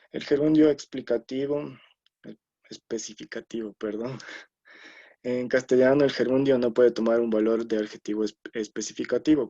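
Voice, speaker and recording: A man's voice: on the low side, dark tone, no room sound, muffled recording. A man from Ecuador giving an explanatory lecture on scientific writing, often checking in with tag questions and fillers.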